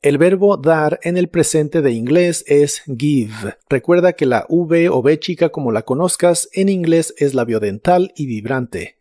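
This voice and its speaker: Calm man teaching an English lesson. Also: on the high side, dry recording, clean studio sound. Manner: slow, even explanation with repeated example words. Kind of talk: scripted language lesson.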